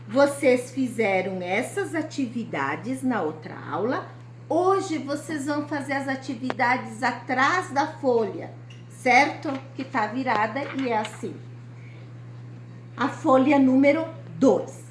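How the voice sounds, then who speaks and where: A woman teacher talks young pupils through their worksheet step by step. Her voice is high and her delivery slow and deliberate. The recording sounds roomy with faint background noise. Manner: slow, patient, explains step by step. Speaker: primary school teacher. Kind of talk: recorded remote lesson for young children. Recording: echoey room, faint ambient noise.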